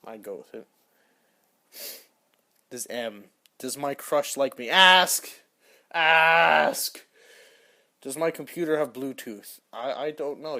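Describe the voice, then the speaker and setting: Young male podcast host, casual and offhand, rambling solo chat, trailing delivery. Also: medium pitch. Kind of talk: casual solo commentary answering search suggestions.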